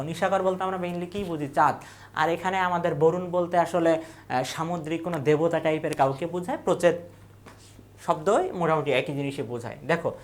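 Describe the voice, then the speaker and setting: Lady teacher, fairly low voice, reads options slow then repeats the answer. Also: a little hiss or hum. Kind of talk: exam revision lecture.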